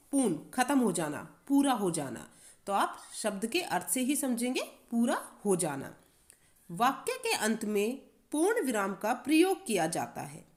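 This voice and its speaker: A woman teaching Hindi grammar to children, explaining step by step and often repeating and asking the class questions. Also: on the high side. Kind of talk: online grammar lesson for children.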